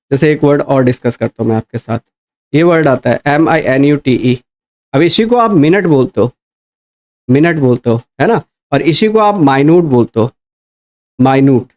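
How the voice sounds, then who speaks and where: A man's voice: on the high side, darkish tone. A man teaching for exam preparation, explaining word meanings patiently and checking in with his students. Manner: explains patiently, asks "है ना?" often, reads English quoted sentences slowly. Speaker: English teacher. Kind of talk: exam-prep lecture.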